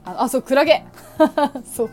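A woman's voice: sits high, moderate pace, a little mellow, faint music behind. A young woman chatting casually about her shopping, adding playful sound effects. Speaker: vlogger. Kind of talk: casual shopping haul vlog.

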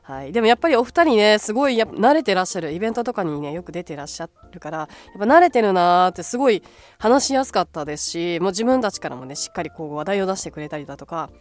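A woman's voice: fairly low pitch, lively intonation, rapid-fire. Stuffy-nosed woman radio host. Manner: chatty, many fillers, upbeat asides. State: stuffy nose, nasal voice. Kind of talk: casual solo podcast radio talk.

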